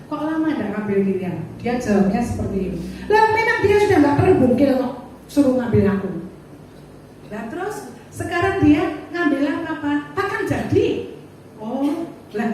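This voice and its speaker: Woman w sharing a church testimony, acts out the back-and-forth, big echoey hall, faint hiss. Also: fairly high pitch. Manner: animated storytelling, acting out dialogue with her husband. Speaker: church speaker giving a testimony. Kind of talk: sermon testimony. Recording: echoey hall, distant mic, faint noise.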